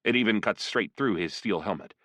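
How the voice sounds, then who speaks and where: A man narrates a first-person fantasy audiobook with a lower voice that swings widely in pitch. The sound is close and dry, with no room echo. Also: expressive, brisk, a bit bright.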